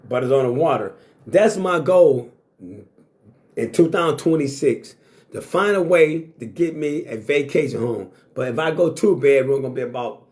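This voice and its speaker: A man in his sixties speaking in a blunt, boastful monologue to camera, swearing freely and repeating himself. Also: mid-range voice. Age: 60s. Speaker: vlogger.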